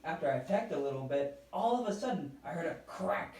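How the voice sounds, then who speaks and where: A man acts out an excitable little bird puppet for a children's show. The voice is childish and earnest, full of self-importance, and swoops up and down. It is heard in an echoey room, away from the mic. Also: on the high side, a little fast, far from the mic, close to an everyday voice. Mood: earnest storytelling.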